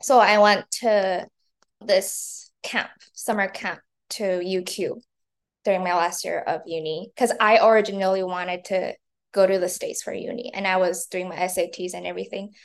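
A university student and marketing intern in her early twenties, from Taiwan and China, gives casual interview answers in a chatty manner, saying "like" a lot. Her mid-range voice has fairly even intonation and a moderate pace.

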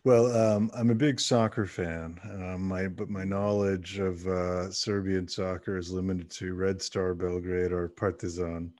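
Low, dry-voiced male podcast host. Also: level tone, unhurried, hardly any pauses, darkish tone, dry recording. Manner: hesitant, many fillers in conversation. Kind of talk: interview podcast with read sponsor spots.

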